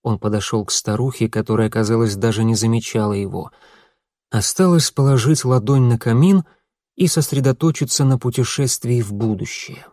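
Steady male audiobook narrator, dry sound. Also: medium pitch, no echo. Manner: steady, measured storytelling.

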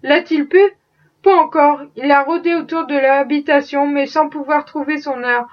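A woman's voice: sits high, fairly even intonation, normal speed, recorded from a distance, muffled recording, lightly acted. A woman voicing a desperate young enslaved man fleeing to freedom, with impassioned, defiant pleading. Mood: earnest.

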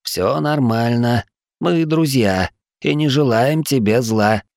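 Man doing wary men, gravelly, raised, urgent, dry sound. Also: medium pitch, lively intonation, normal speed, no echo, voice pushed up, close to an everyday voice. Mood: tense. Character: weary adult male companions, wary.

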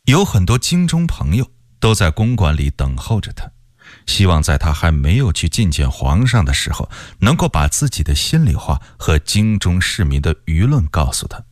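A man narrating a historical story for radio in an expressive, unhurried way. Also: sits low, no room sound, studio quality. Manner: expressive and unhurried, with wide swings of voice. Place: radio studio.

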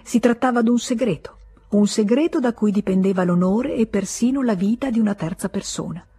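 Una donna che legge un romanzo classico come audiolibro, con lettura letteraria espressiva e drammatica. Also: female voice, medium pitch, fairly quick, slightly rough, soft background music. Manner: expressive, voices the characters' dialogue with feeling. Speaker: audiobook narrator. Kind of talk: dramatic literary reading.

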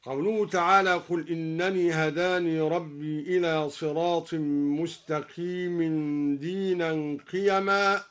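Egyptian sheikh talking real slow, higher voice, breaks into melodic chanting for examples. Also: male voice, steady tone, a bit bright. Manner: slow, deliberate, alternating explanation and melodic chanting. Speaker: Quran recitation scholar. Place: radio studio.

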